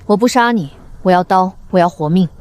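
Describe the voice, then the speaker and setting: A woman voicing a condemned seventeen-year-old girl with a modern soldier's mind, who speaks in clipped, commanding phrases in an animated drama. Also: on the low side, brisk, slight background noise, close to an everyday voice.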